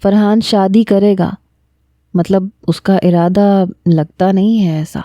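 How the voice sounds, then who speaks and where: A woman reading the lines of a calm, level-headed young woman who speaks with composure. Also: medium pitch, no room sound, lo-fi sound, lightly acted. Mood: composed.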